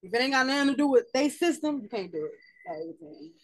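A woman's voice: on the high side, sing-song, fast, slightly rough, dry recording. A woman co-hosting a podcast in casual chat. She thinks aloud and often corrects herself as she goes. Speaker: podcast co-host.

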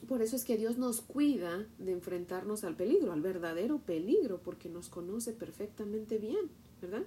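A middle-aged Mexican woman with a Mexican accent, teaching from the Bible and telling a personal story in an animated way, often asking "¿verdad?". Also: mid-range voice, moderate pace, a little hiss or hum.

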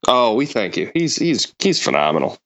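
A man's voice: medium pitch, very animated, moderate pace, a bit bright. A man co-hosting a sports podcast on a mic, bantering wryly and casually. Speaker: podcast co-host.

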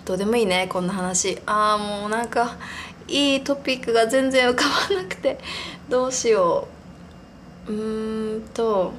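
A young woman in her twenties hosts a relaxed solo podcast, her voice sitting a little on the high side. She rambles along in a chatty, giggly way, often poking fun at herself as she talks. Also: normal speed, slight background noise. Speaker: podcast host. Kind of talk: casual solo podcast monologue.

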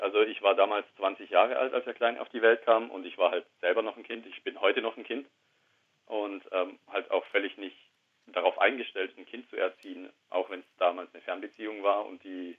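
A man in his thirties, a podcast guest, speaking quietly and reflectively, with hesitant pauses, about his own life. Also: on the low side, steady tone. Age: 30s. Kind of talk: candid personal conversation. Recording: tinny phone-line sound.

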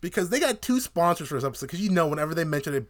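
Animated young man ranting casually. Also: fairly high pitch, rapid-fire. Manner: animated, profane, joking rants. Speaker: podcast co-host. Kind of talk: casual TV review chat.

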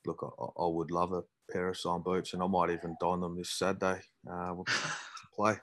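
A man's voice: low-pitched, monotone, normal speed. A young Australian man chatting casually in a laconic, dry, self-deprecating drawl. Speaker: podcast guest, amateur footballer. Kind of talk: casual chat.

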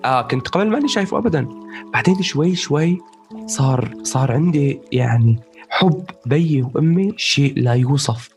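A man's voice: medium pitch, lively intonation, a little fast, darkish tone, faint music behind. A man with a Levantine Arabic accent chatting casually about personal experience, explaining things as he goes, checking in with the listener and dropping in English words.

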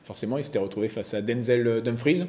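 A man's voice: medium pitch, quick pace, a little mellow. Joking man in an echoey room. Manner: joking, laughs often. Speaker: panelist. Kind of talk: casual panel chat.

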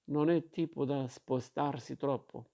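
A man reading aloud and voicing a bored, sceptical grown man who speaks with a slow, ironic drawl and a gravelly, dark tone. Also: mid-range voice, steady tone. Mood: mocking.

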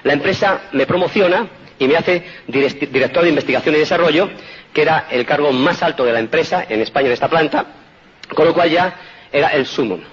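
Spanish man in his forties, earnest motivational storyteller, husky voice, dull lo-fi sound. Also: on the high side, fairly quick. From Spain. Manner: earnest storytelling, addresses audience directly. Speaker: speaker giving a testimonial talk. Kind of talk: motivational talk. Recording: dull lo-fi recording.

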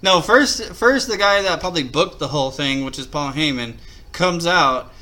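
A man's voice: on the high side, expressive, normal speed, sharp tone. A man chatting casually and giving rambling, slangy off-the-cuff commentary as a co-host. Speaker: co-host of a wrestling watch-along.

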